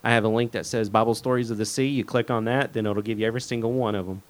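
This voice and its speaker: A man's voice: lowish voice, steady tone, rapid-fire. A middle-aged man, a guest chatting in an interview with many fillers and restarts. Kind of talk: casual interview chat.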